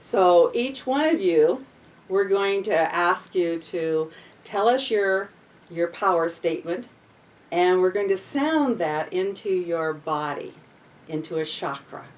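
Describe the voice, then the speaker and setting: A woman's voice: fairly low pitch, lively intonation, slow pace. A woman leading a small group in a sound-healing workshop, explaining casually and then chanting vowel sounds and intoning invocations to the directions. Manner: informal, explains with fillers and restarts. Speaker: workshop leader. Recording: voice from far off the mic.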